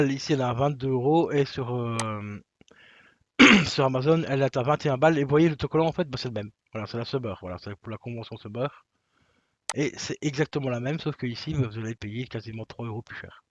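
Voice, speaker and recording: A man's voice: mid-range voice, no echo, dull audio. A man comparing collectible figure prices online in a casual, rambling way, with many fillers and restarts. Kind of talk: casual screen-recorded walkthrough.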